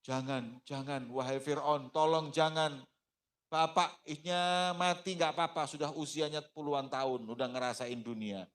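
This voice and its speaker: A man's voice: medium pitch, a little slow, few pauses, fairly bright tone, lightly acted. A man voicing a devout young mother who pleads and holds firm, with a Banjar accent. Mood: pleading. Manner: pleading, shifting between firm and anguished.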